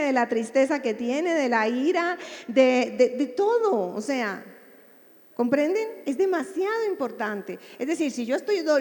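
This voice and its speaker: A woman's voice: sits high, long reverb tail. A woman psychologist giving a public lecture on grief, speaking expressively and checking in with her audience through rhetorical questions.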